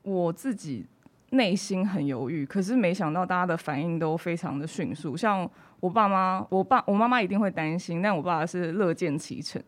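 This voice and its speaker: Her voice sits on the low side for a woman and carries a clear Taiwanese Mandarin accent. She talks in a casual, conversational way, like a podcast guest recounting her own experiences. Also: moderate pace.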